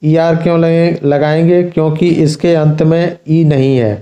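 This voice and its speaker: Male grammar teacher, slow careful explaining, fairly high voice, echoey room. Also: fairly even intonation, mellow, muffled recording. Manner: slow, repetitive explaining, addressing children. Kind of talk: classroom lesson.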